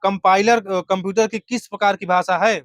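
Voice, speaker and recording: Brisk male teacher running a quiz. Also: high voice, fairly even intonation, fairly bright tone, no room sound. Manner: brisk, corrects answers, urges students to speak up. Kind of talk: oral quiz in class.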